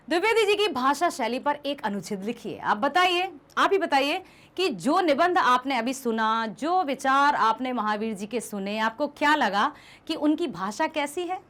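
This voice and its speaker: A young woman teaching a revision class in a high, lively voice that rises and falls a great deal. She keeps asking her students questions and explains things patiently, now and then calling them "beta". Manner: addresses students affectionately as "beta". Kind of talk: Hindi class revision lesson.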